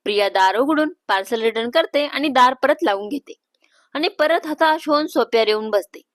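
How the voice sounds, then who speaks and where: A woman storyteller reading a family story aloud in a calm, steady narration. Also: high voice, no room sound, clean studio sound.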